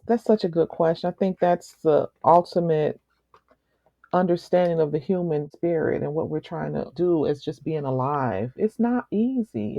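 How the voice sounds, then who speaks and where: A woman guest speaking slowly and earnestly in a reflective, meditative conversation. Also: low-pitched, dry recording. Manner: slow, meditative, earnest with soft laughs. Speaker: author guest. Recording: slightly muffled lo-fi recording.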